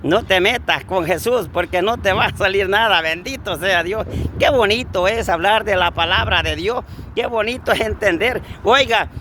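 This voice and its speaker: A man with a high voice preaches a fervent sermon outdoors. He keeps repeating blessings and addresses his listeners as brothers. Faint street and traffic noise sits behind him. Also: normal speed, sharp tone.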